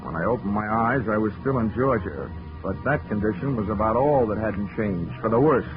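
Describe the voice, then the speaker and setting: This 1940s radio drama features an actor as a wry, wisecracking insurance investigator giving first-person narration of his case. His voice is fairly low with lively intonation, a little fast and lightly acted, on a dull old recording with music.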